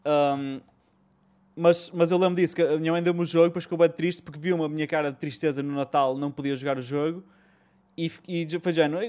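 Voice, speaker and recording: A man with a fairly high but darkish-toned voice hosts a casual retro gaming chat in a European Portuguese accent. His speech is colloquial and slangy, with swearing and bits of English mixed in.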